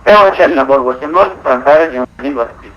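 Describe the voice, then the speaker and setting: Man reading back clearances over a cockpit headset. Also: medium pitch, racing, muffled recording. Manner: clipped readbacks with brief hesitations. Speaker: virtual airline pilot on a flight-sim network. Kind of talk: radio phraseology with air traffic control.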